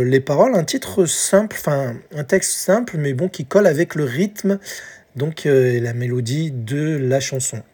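A man's voice: fairly high pitch, a little mellow. A man from France in his forties hosting a casual solo podcast, chatting to listeners with many fillers and restarts. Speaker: podcast host. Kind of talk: casual solo podcast about an old pop song.

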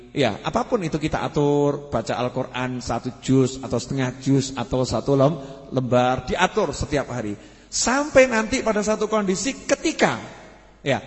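At a mosque study gathering, a man whose voice sits on the high side delivers a sermon in an easygoing way. He keeps it conversational and asks his listeners questions, with a long reverb tail on the sound.

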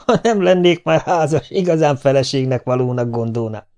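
A man voicing a blustering old-time warlord who talks in a booming, pompous, archaic way. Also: animated, darkish tone, natural voice. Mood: amused. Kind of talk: audiobook character voice.

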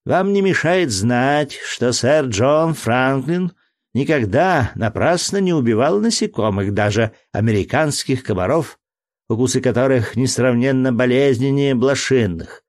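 A man doing a high, shrill voice for a fussy learned entomologist, all prim indignation and pedantry. It swings up and down wildly and lectures like a storybook professor. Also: lively intonation, measured pace, natural voice. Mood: fussy, lecturing. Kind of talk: audiobook character voice.

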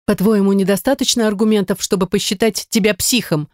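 Narrator voicing a stubborn frightened young woman, squeaky and sniffling, a bit higher, dry sound. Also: steady tone, a little fast, darkish tone, no echo, natural voice. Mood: defiant. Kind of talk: audiobook dialogue.

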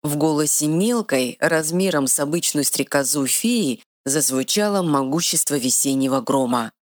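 Low-voiced woman reading a fantasy story. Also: lively intonation, moderate pace, no echo, clean studio sound. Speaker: audiobook reader. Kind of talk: fantasy audiobook narration.

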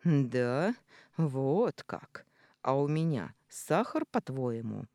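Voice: mid-range voice, sing-song, extremely slow, a little mellow, dry recording, clean studio sound, full character voice. Reader voicing a stern non-human man. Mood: coaxing. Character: male Yass, a non-human being, stern then gentle.

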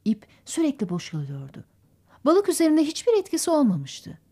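Woman, audiobook narrator, measured literary reading, fairly high voice, animated pitch. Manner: measured storytelling, voices characters.

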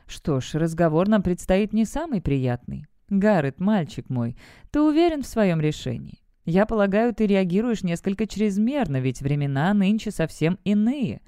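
A woman's voice: mid-range voice, very animated, normal speed, warm tone, smooth, no room sound, clean studio sound. A woman voicing a nervous, placating middle-aged lawyer in an audiobook. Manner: soothing, hesitant. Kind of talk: audiobook character voice.

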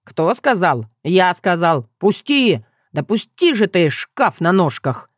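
A woman voicing a haughty, grumpy male frog shapeshifter with a creaky, squawking voice and an indignant, scornful manner. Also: on the low side, sing-song, takes it slowly, no room sound, clean studio sound, full character voice.

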